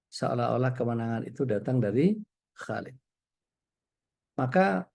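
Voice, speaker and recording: Gravelly, mellow-voiced male preacher. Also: medium pitch. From Indonesia. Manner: relaxed, storytelling, frequent hesitations. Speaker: Islamic preacher. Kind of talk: conversational religious lecture.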